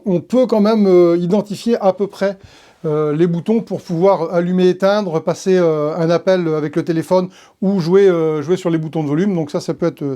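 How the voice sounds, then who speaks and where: With a high, mellow voice, a tree-work professional hosts a casual tutorial, talking through each step and thinking aloud while he handles his equipment.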